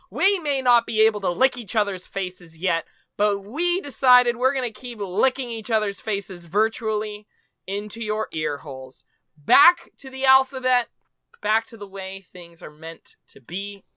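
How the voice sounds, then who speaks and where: A woman hosting a podcast in casual chat, animated and laughing often. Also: mid-range voice, measured pace, smooth, no echo, studio quality. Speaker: podcast host.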